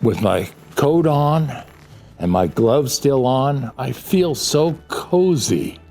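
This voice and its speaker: A man's voice: medium pitch, lively intonation, takes it slowly, a little mellow, soft background music. A man playing a jolly, cozy old Santa Claus fond of puns in an audio drama, with a folksy, chuckling delivery. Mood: cozy, enthusiastic.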